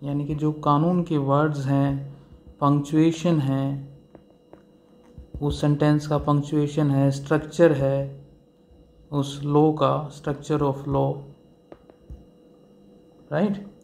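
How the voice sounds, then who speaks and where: A man's voice: on the high side, level tone, slow, gravelly, pauses often, a little mellow, slight background noise. A man giving a law lecture, explaining step by step and mixing in English legal terms, with fillers and rhetorical questions. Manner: asks the class rhetorical questions. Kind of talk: classroom lecture.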